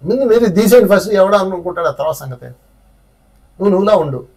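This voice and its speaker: A man's voice: high-pitched, lively intonation, a little fast, a little mellow, distant mic. A man teaching a spiritual class, telling stories in a conversational way and asking his listeners rhetorical questions.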